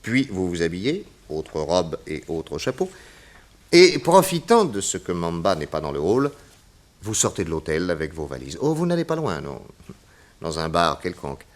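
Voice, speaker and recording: A male actor with a low voice and big pitch swings portrays a confident, logical private detective in a theatrical 1960s radio crime drama. He delivers measured deductions in a self-assured, accusing tone.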